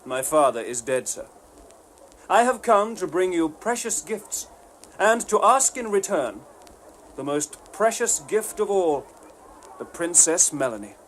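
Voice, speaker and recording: An actor playing an earnest, bold young lad of humble birth, declaiming in an audio storybook. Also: male voice, sits high, big pitch swings, a little slow, a bit bright, a little hiss or hum, heavily acted, poor audio. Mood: bold, ardent. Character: earnest, bold young man, poor tailor's son.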